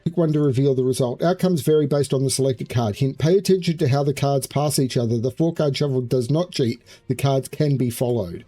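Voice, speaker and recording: A man with a mellow, mid-pitched voice plays through a fantasy game. He reads the story text like a storyteller and drops in offhand remarks, with faint music in the background. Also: brisk, hardly any pauses. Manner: switches between storyteller reading and offhand remarks. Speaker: gaming video player. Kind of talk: game commentary, reading on-screen story text aloud.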